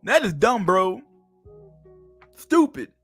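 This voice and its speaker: High-voiced, mocking man in his thirties. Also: big pitch swings, slow pace, fairly bright tone, husky, faint music behind. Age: 30s. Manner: mocking, crude, laughs often, reads an article aloud then rants. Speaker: streamer reacting to an article. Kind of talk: casual livestream commentary.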